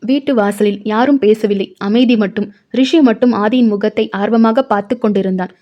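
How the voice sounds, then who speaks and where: A woman narrating an audio novel in an emotional, measured storytelling manner. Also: mid-range voice. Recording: dull lo-fi recording.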